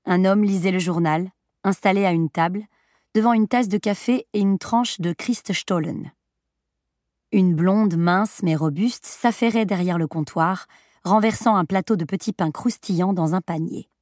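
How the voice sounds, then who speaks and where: A woman's voice: lowish voice, measured pace, a little mellow, dry recording. Woman reading a story, dry close sound. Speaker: audiobook narrator. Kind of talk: scripted narration.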